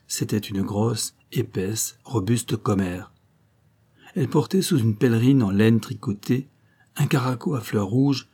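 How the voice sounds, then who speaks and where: A man reading a novel aloud as a steady, deliberate audiobook narration. His voice is low and mellow, with a husky grain.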